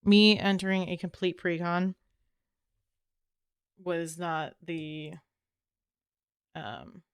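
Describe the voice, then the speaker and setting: Gravelly, smooth-voiced woman streamer rambling. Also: lowish voice, steady tone, extremely slow, no room sound, clean studio sound. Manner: rambling, trailing off, self-correcting. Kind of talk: casual chat while gaming.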